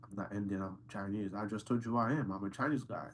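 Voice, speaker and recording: A man with a lowish voice talks fast while hosting a casual livestream, answering chat questions with insistent, teasing playfulness and repeating himself for emphasis. There's a little hiss or hum in the audio.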